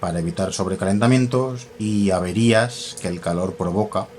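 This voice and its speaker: In a workshop, a man demonstrates radio test equipment as a tutorial host, talking casually and thinking aloud while often correcting himself with fillers. His low, darkish voice moves at normal speed, with slight background noise.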